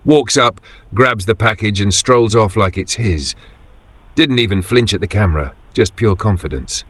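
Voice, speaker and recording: Low-voiced man, wry casual clip narration. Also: moderate pace, fairly bright tone, breathy edge. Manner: slangy, wry, punchy short phrases. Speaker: video narrator. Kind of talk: casual scripted commentary on video clips.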